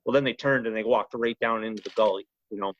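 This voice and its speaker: A man telling a story on a podcast in a rambling, animated way, full of "you know" and "he goes". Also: lowish voice, fast. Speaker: podcast guest. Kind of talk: casual storytelling. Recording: slightly muffled podcast audio.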